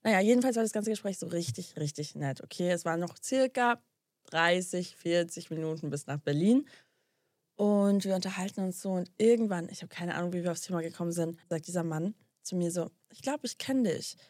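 A woman's voice: lowish voice, brisk, a little mellow, dry recording, studio quality. A young woman casually telling a story to her co-host, acting out both sides of the dialogue and dropping English slang into her talk.

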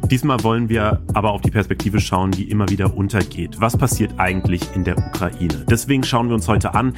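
A man hosting a podcast from home, explaining the news in a relaxed, conversational way. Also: lowish voice, brisk, loud music behind the voice. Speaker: podcast host. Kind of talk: podcast talk. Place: at home in isolation.

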